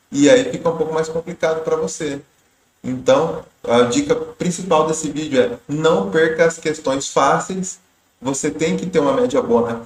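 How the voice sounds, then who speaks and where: A man's voice: a little high, echoey room. A man with a Brazilian Portuguese accent, giving a recorded exam-prep lesson and explaining tips patiently, with some repetition.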